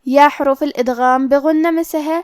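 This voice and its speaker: Brief: female tajweed teacher, high voice, methodical, dry close mic. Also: steady tone, dry recording. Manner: slow, methodical explanation of each letter rule. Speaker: Quran recitation teacher. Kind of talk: tajweed lesson explaining rules.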